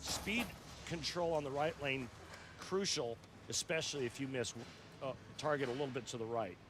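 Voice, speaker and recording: A man's voice: medium pitch, moderate pace, noisy background. An American man giving analytical live sports commentary as a color analyst. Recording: crowd and music behind voice.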